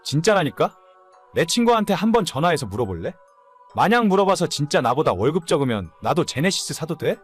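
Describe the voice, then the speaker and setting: A man's voice: fairly high pitch, sing-song, brisk, slightly rough, soft background music. A man playing an immature, whining, hungover husband in his late thirties in a dramatized story. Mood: whiny, insistent. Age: late 30s. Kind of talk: dramatized audio story dialogue.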